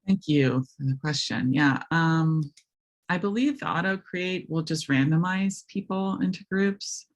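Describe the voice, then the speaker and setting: A woman with a raspy voice presenting a webinar, walking through software step by step with many hesitant ums. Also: deep voice, measured pace. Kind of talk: screen-share software walkthrough.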